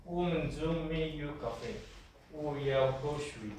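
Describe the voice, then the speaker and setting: Distant, echoey man haltingly practicing Mandarin. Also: fairly high pitch, darkish tone. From Australia. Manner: halting, careful learner's pronunciation. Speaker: beginner Chinese student. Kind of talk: reciting a practice dialogue in class. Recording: distant, very echoey, noisy classroom pickup.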